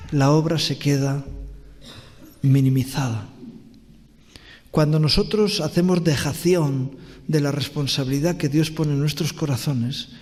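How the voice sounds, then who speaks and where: A man pastor with a Spanish accent preaching a sermon in a church, earnest, with pauses, restarts and rhetorical questions. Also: a little high, darkish tone. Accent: Spanish from Spain. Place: church hall. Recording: long church reverb.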